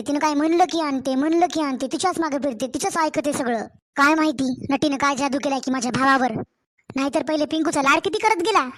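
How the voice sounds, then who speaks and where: A woman's voice: high-pitched, close to an everyday voice. Woman doing a taunting Marathwada sister-in-law. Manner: taunting, nagging, needling. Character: sharp-tongued married sister-in-law, taunting. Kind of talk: cartoon family story acting.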